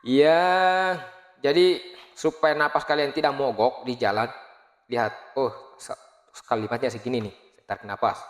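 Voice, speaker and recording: A man teaching Quran reading, chanting verses slowly and melodically, then explaining in quiet, quicker asides in an Indonesian accent. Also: mid-range voice, fairly even intonation, roomy sound, in a large hall. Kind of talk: recitation lesson with explanations.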